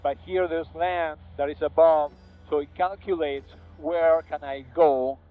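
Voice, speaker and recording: A man with a fairly high voice speaks as a pilot over the radio, in casual cockpit talk. The sound is narrow and muffled through an aviation headset, with music behind him. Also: steady tone, measured pace.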